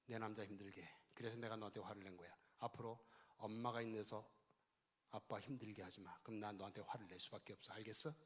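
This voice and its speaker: A man voicing a calm, firm, loving mother in slow, measured, quiet insistence. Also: on the low side, pitched below the performer's own voice, lightly acted. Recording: long church-hall reverb.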